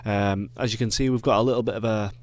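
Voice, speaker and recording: A man's voice: lowish voice, fairly even intonation, quick pace, darkish tone. A man with a Yorkshire accent giving casual wrestling predictions, rambling with lots of ums and self-corrections. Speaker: wrestling reviewer.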